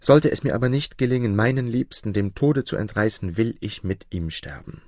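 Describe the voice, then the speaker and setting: A man's voice: lowish voice, lively intonation, moderate pace, a little mellow, no echo, studio quality. A man voicing a grieving young maid who blames herself, speaking in a lamenting, tearful way.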